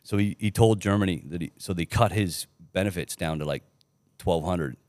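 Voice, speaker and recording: A man's voice: deep voice, moderate pace, a little mellow, no room sound. A middle-aged man telling rambling, profane stories on a casual podcast, laughing often. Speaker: podcast host. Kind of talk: casual storytelling chat.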